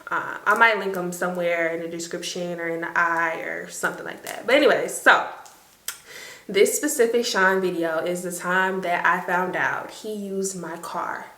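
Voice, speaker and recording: A woman's voice: fairly low pitch, steady tone, normal speed, pushed and bright, reverberant, poor audio. A woman in her late twenties telling a storytime to her viewers in casual chat, chatty and emphatic. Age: late 20s.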